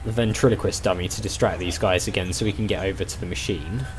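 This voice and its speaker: A man's voice: deep voice, quick pace, noisy background. A man hosting a let's play, thinking aloud in casual, tentative game commentary. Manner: musing, tentative.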